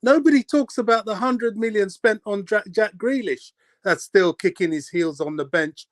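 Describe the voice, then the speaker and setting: A man's voice: high voice, moderate pace, dry recording. A man co-hosting a football fan show, ranting passionately in casual chat. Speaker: co-host.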